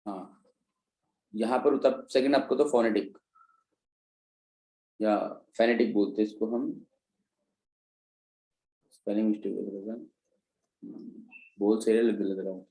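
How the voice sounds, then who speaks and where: A man's voice: lowish voice, fairly even intonation, unhurried, pauses often, dark tone, echoey room, poor audio. A man teaching an exam-prep class in speech, explaining step by step and often checking in with his students. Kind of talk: classroom lecture.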